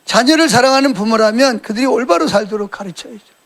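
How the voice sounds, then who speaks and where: High, gravelly-voiced male preacher. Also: fast talker. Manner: colloquial storytelling, animated retelling with quoted dialogue. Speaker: pastor. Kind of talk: sermon.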